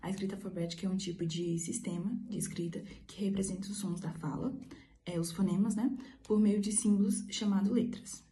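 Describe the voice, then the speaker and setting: A woman's voice: mid-range voice, fairly even intonation, fairly quick, warm tone. A woman explaining a topic in a class presentation, with fillers. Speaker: student presenter.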